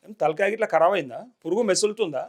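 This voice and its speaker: Fiery fast-talking man with a Telangana accent. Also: high voice, animated, gravelly. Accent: Telangana Telugu. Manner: rhetorical questions, scolding, mocking. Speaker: political commentator. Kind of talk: heated political commentary.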